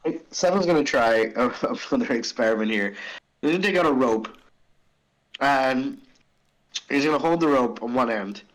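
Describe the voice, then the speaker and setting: A man's voice: mid-range voice, lively intonation, moderate pace, pauses often, rough recording. A man playing a tabletop game, methodically describing what his character does.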